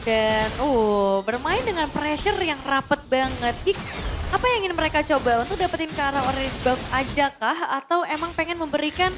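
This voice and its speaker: A woman's voice: high-pitched, animated, normal speed, over music. A woman with an Indonesian accent, an esports caster who comments on a match and puts questions to her co-casters.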